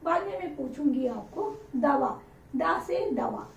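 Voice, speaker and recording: A woman's voice: sits high, expressive, measured pace, gravelly, slight background noise. A woman teacher giving a patient alphabet lesson, repeating each letter with example words as she dictates. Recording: roomy, distant, dull lo-fi sound.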